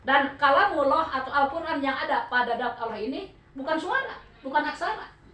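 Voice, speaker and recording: A woman with a fairly high voice and a Sundanese accent teaches a Quran study group. She explains patiently and keeps asking her listeners to answer. The sound is echoey, heard from a distance across a room with faint noise behind. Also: a little fast, pushed and bright. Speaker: religious teacher.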